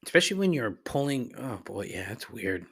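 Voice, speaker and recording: A podcast host answers voicemails in a casual, rambling solo commentary, griping conversationally and swearing freely. His medium-pitched voice is very animated, brisk and a bit bright, with a breathy edge.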